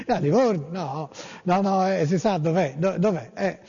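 Guy rambling on his show, mellow high voice, dull lo-fi sound with a long echo. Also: normal speed, vocal fry, slightly rough. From Tuscany. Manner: playful, rambling, repeats words. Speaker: host reading listener messages. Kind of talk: casual monologue. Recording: lo-fi with long reverb.

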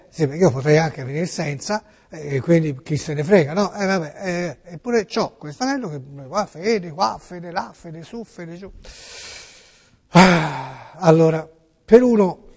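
A man's voice: a little high, darkish tone, slightly rough, big-room sound. A middle-aged male radio and TV host in a casual, joking monologue, teasing and playful, full of small fillers and restarts.

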